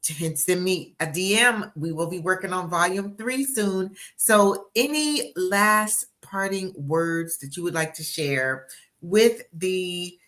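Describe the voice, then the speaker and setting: Upbeat bright-voiced woman in her sixties hosting. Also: fairly low pitch, slow. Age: 60s. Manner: upbeat, encouraging, repeats herself. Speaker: host and book coach. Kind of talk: livestream interview.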